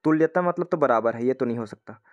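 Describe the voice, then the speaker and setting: A young man works through exam questions as a teacher. He keeps putting questions to his students and answering them himself, often stopping to say "thik hai." His voice sits at a middling pitch. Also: fast, dull audio. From India. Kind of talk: explaining test questions in a lesson.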